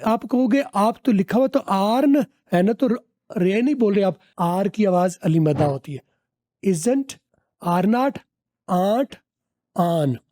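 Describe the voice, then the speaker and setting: Explaining English pronunciation one step at a time, a high-pitched man with a dark tone draws out example phrases slowly as he repeats them. He keeps inviting his learners to guess.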